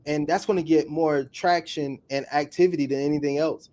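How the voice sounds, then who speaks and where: Speaking in a fairly high register, a man appears as a guest coach in a relaxed interview. He's energetic, and exciting ideas send him into fast, animated bursts.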